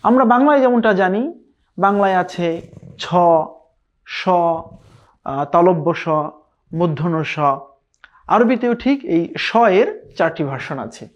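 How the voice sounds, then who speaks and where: A man with a Bangladeshi Bengali accent leads a recorded online lesson on pronouncing Arabic letters. He works in a slow, patient way, saying each sound again and again. Drawn-out "ah" fillers fill his pauses. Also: high voice, expressive, muffled recording. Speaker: Quran recitation teacher.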